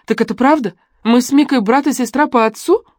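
A woman's voice: sits high, a little fast, a little mellow, no echo, clean studio sound, pitched above the performer's own voice. A woman reading an audiobook and voicing a defiant young woman who challenges sharply and edges toward hysteria. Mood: alarmed. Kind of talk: audiobook dialogue.

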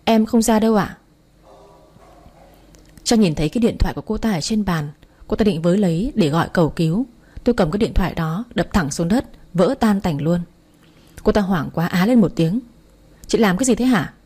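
A woman narrating a first-person family drama story in a steady, calm way. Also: lowish voice, fairly quick, breathy edge.

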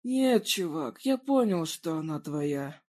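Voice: mid-range voice, animated, slow pace, warm tone. A reader voicing a bruised young man who answers with wry, easygoing humour in a story reading. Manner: wry, laid-back.

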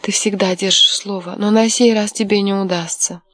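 A woman's voice: medium pitch, fairly even intonation, moderate pace, fairly bright tone, no echo, natural voice. A woman voicing a tearful young bride-to-be in an audiobook, faltering and sobbing.

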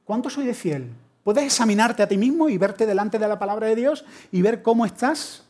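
A man's voice: high voice, normal speed. A middle-aged preacher with an accent from Spain delivers a sermon. He tells stories with humor and energy, shifting easily between jokes and earnest exhortation. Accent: Spain Spanish. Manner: animated storytelling with humor.

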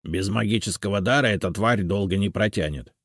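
Audiobook: man doing a stern house spirit, slow, firm, dry read. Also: on the low side, dry recording. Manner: calm, confident, slow and firm.

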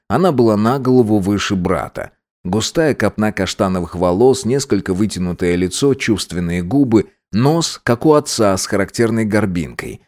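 A man narrating an audiobook in a steady, even reading voice. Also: on the low side. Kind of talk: scripted narration.

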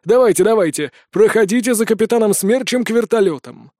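A man doing a measured, authoritative school director. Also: high-pitched, dark tone, dry recording, clean studio sound, voice pushed up, natural voice. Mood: commanding.

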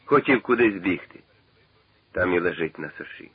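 A man's voice: sits low, expressive, moderate pace, breathy edge, no room sound, exaggerated voice. A man reading the part of a loyal soldier driver who talks in an earnest, reassuring way. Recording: tinny old radio broadcast.

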